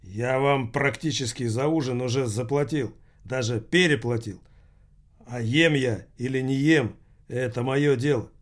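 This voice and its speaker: A man's voice: mid-range voice, measured pace, close to an everyday voice. A man voicing an irritated man who bluffs his way through a tense dinner. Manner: irritated, insistent.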